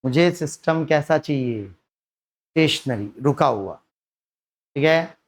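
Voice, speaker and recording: A man's voice: a little high, animated, slow. A man teaching a physics lesson to students. He keeps asking them questions and then answers them himself. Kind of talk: classroom lecture.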